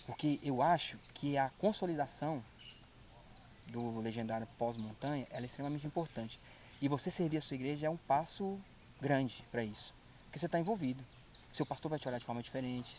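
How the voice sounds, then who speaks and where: A man's voice: medium pitch, darkish tone, slight background noise. A man speaking as a podcast guest, earnest and repeating his points for emphasis. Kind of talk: casual chat.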